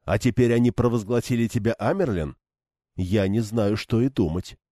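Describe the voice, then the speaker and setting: A man's voice: on the low side, moderate pace, mellow, no echo, clean studio sound, natural voice. A man playing a stubborn young swordsman who talks in an earnest, pressing way. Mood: insistent.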